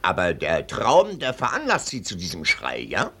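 An older actor playing a pompous, condescending military colonel in a 1940s radio drama, lecturing in a blustering, patronizing way. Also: male voice, deep voice, wildly swooping pitch, normal speed, pushed and bright, breathy edge, exaggerated voice.

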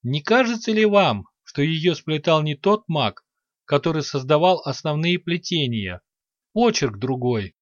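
A man voicing a sharp-eyed, critical woman mage in an audiobook. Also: fairly high pitch, lively intonation, unhurried, no echo, lo-fi sound.

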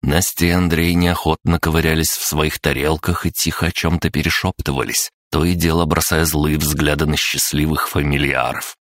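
A man narrating an audiobook in a steady, even storytelling manner. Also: very deep voice, normal speed, hardly any pauses, no room sound, clean studio sound. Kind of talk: scripted narration.

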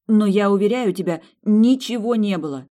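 A woman's voice: fairly low pitch, animated, brisk, dark tone, pitched above the performer's own voice, natural voice. A narrator voicing a young woman doctor, flustered and eager to please, pleading and apologetic in an audiobook. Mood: embarrassed, earnest.

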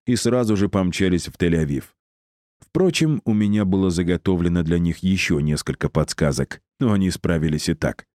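A man's voice: low-pitched, warm tone, no echo, studio quality. A man voicing an arrogant, cruel male necromancer who mocks and insults his captives. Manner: mocking, condescending, insulting.

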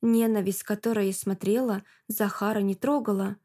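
A woman narrating a novel in first person, with a measured, sardonic delivery. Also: mid-range voice, steady tone, dark tone. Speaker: audiobook narrator.

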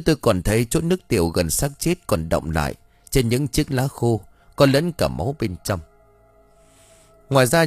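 A man's voice: medium pitch, darkish tone. A man voicing a grave village master. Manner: measured, analytical, solemn instructions. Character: grave, methodical male village master investigator.

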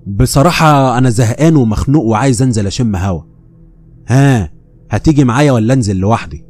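A man's voice: mid-range voice, fast talker, darkish tone, faint music behind, close to an everyday voice. A man with an Egyptian accent voicing his restless, uneasy young coworker in a horror story, speaking insistently. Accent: Egyptian Arabic. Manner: insistent, pressing.

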